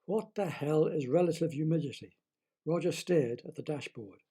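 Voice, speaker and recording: A man reading a story aloud with lively, dramatic narration. His voice is slightly husky and pitched a touch high for a man. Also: normal speed.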